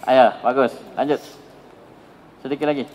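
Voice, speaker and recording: A man's voice: mid-range voice, steady tone, a little mellow, slight background noise. Indonesian teacher drilling his pupils. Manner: prompting questions again and again, brisk and coaxing. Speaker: Arabic grammar teacher. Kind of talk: classroom grammar drill with students. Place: classroom. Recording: dull, lo-fi sound with a long hall reverb.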